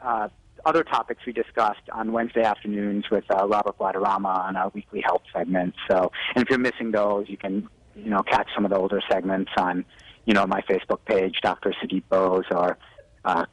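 Over telephone audio aired on a TV newscast, a physician guest offers health advice, often dropping in "you know." His voice is on the low side and fairly quick, and the sound is poor but echo-free.

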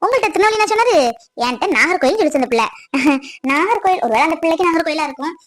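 A woman's voice: very high-pitched, animated, very fast, a bit bright. A woman playing a chatty friendly neighbour wife. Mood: cheerful. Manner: cheerful, chatty. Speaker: actor.

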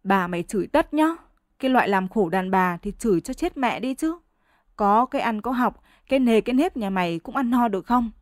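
A woman doing a shrill, cursing peasant wife. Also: fairly quick, no echo, clean studio sound, close to an everyday voice. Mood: furious scolding. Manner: shrill scolding, cursing loudly. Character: furious peasant wife, sharp-tongued, fed up.

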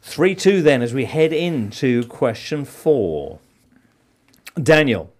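Male quiz host, playful and theatrical, swooping animated delivery, mid pitch. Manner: playful, theatrical question reading. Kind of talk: podcast quiz hosting.

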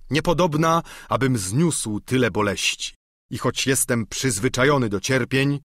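A man reading a storybook, voicing a solemn, lovesick old knight who speaks slowly and declaims. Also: medium pitch, fairly bright tone, dry recording, clean studio sound. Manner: slow, grave, declamatory. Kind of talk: audiobook character reading.

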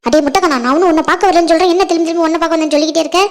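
A woman playing a feisty, sharp-tongued college girl. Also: high-pitched, lightly acted. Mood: scolding. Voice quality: quick, scolding, teasing. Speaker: college student. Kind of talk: village family drama acting.

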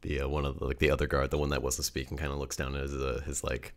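A man's voice: very deep voice, flat delivery, fast. A man narrating as game master of a tabletop game, rambling with many fillers and repeated words.

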